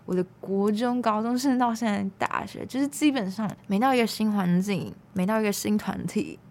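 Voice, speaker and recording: A woman in her twenties with a Taiwanese Mandarin accent, hosting a podcast and telling a personal story in an animated, exasperated way. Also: medium pitch, fairly quick. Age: 20s. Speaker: podcast host. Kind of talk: casual storytelling monologue.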